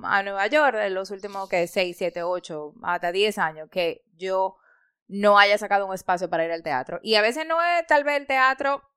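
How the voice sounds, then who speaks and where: A woman's voice: mid-range voice, moderate pace, a bit bright, clear, resonant tone. A woman co-host chatting casually, stressing her points by repeating words. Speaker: podcast co-host. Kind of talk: casual chat.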